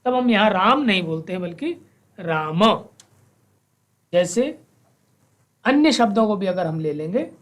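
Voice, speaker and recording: A woman teaching a language class, slowly reciting verses with careful pronunciation and then explaining them. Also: mid-range voice, lively intonation. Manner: switches between chanted verse and spoken explanation. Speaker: Sanskrit teacher.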